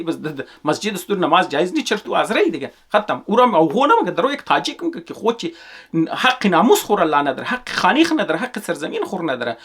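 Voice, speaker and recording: A man with a Hazaragi accent delivers a political monologue. He argues emphatically and circles back to his points. His voice sits slightly high for a man. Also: a bit bright. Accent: Hazaragi Dari. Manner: emphatic, repetitive, argumentative. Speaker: commentator.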